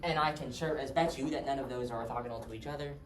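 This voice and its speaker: A man's voice: mid-range voice, quick pace. A man giving a math lecture, talking casually and asking his class questions. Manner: conversational, asks the class questions. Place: lecture hall. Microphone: distant room mic. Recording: roomy, distant, faint hiss.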